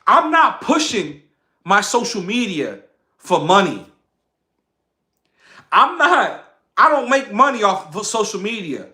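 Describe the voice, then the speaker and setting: A livestreaming content creator rants boastfully and with passion, his high-pitched voice very animated, bright and forceful. He takes it slowly and pauses often, speaking emphatically and repeating phrases for effect.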